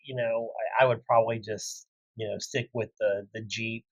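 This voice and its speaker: A man's voice: fairly low pitch, steady tone, normal speed, dry recording. Rambling man on a dull, dry mic. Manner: rambling, with many fillers. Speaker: podcast co-host. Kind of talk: casual chat.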